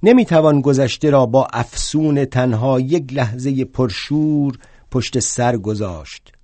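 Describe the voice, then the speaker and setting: A man's voice: medium pitch, no room sound, natural voice. An older man playing a proud, indignant old revolutionary. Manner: wry storytelling, rising to indignant shouts. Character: aging male revolutionary thinker, proud and indignant. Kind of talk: one-man stage play monologue.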